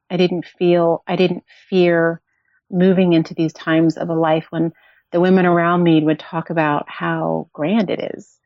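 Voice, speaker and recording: A woman in her forties, a podcast guest, talking in a thoughtful, soft-spoken and personal way. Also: lowish voice, dry recording. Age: 40s. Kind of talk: reflective conversational storytelling. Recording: dull dry lo-fi audio.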